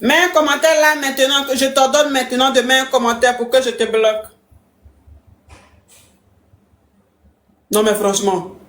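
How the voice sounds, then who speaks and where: A woman's voice: medium pitch, steady tone, brisk, darkish tone, natural voice. A woman playing a brash, imperious coach who mocks callers and threatens to block them on a live stream. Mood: scolding. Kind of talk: comic live-stream parody. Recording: roomy echo.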